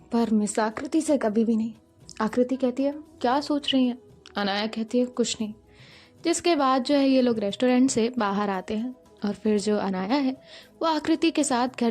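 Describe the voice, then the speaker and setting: Woman telling a story over soft music. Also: fairly high pitch. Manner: reads every line with plain narration and quoted dialogue in the same voice. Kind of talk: scripted story narration with character voices.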